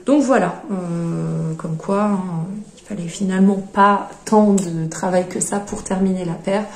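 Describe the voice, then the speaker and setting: A woman's voice: lowish voice, unhurried. A woman hosting a knitting podcast, chatting casually as she shows her projects, with many fillers and hesitations. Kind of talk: casual show-and-tell chat. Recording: echoey room.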